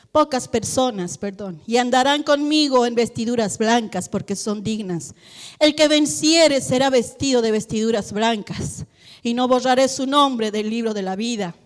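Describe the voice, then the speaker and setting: A middle-aged woman pastor preaching a sermon in a church, animated and acting out family conversations. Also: on the high side, big-room sound. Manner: animated, acts out family dialogues.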